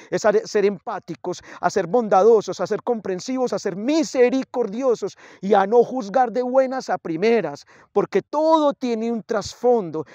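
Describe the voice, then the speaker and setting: A man's voice: high voice, a little mellow, dry recording, dull audio. Male priest, reflective homily delivery, close dry recording. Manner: reflective, builds points through lists and repetition. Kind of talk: sermon.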